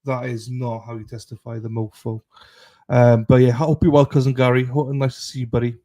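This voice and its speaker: Mellow-voiced man chatting casually on a livestream. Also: medium pitch, little pitch movement, a little fast. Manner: irreverent, sweary, matey. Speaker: livestream host. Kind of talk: casual chat with live stream viewers.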